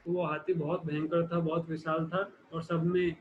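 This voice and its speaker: A man giving a sermon, retelling a scripture story in a steady explanatory way with frequent restarts. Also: a little high, moderate pace. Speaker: preacher. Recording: phone-like lo-fi recording with faint hiss.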